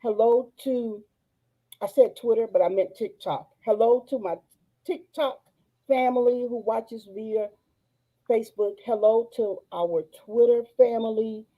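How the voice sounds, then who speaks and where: A woman, hosting a faith-based live show and giving excited, gushing shout-outs to viewers. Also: fairly high pitch, a little slow, low-quality recording. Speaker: host. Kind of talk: excited live-stream chat.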